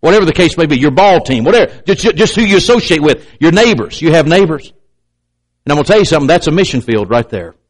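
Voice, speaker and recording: On a rough recording, an animated man preaches at a quick pace, repeating points emphatically from the pulpit and throwing pointed asides at the congregation. His slight stutter leaves him catching on words at times, and he plays out doubters in a raised voice.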